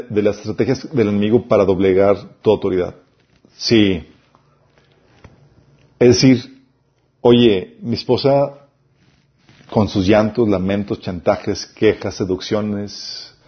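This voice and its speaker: A man's voice: mid-range voice, muffled recording. A man preaching a sermon-style Bible lesson, emphatic, listing points and reading scripture aloud.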